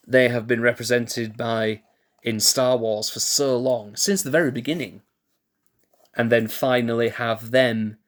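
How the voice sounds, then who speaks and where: A man live-streaming in casual chat, thinking aloud in a laid-back way, restarting sentences and chuckling at himself. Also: medium pitch. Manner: musing, thinks aloud with restarts and self-corrections.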